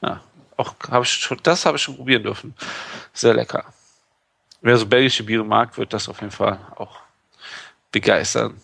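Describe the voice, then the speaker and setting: A man's voice: lowish voice, moderate pace, gravelly, pushed and bright, no room sound. A man co-hosting a podcast in casual chat, speaking, joking and full of fillers. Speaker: podcast co-host.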